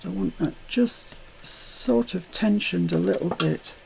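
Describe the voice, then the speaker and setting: A British woman in her later years talks slowly and unhurriedly through a paper-craft tutorial, her voice heavy with gravelly fry. She drifts into chatty asides as she works, with a faint hiss of room noise behind her. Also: fairly low pitch, darkish tone. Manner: chatty, rambling asides while working.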